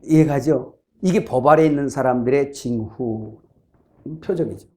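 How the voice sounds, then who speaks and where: A man's voice: mid-range voice, a little slow, a little mellow. A man preaching a sermon as pastor in a conversational way, acting out quoted inner voices.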